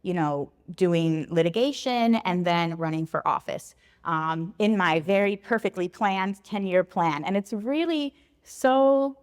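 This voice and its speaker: In a clear, articulate podcast interview, a travel blogger in her thirties, born in Puerto Rico and raised in Philadelphia, tells her story. Her voice is lowish and unhurried, trailed by a long reverb tail.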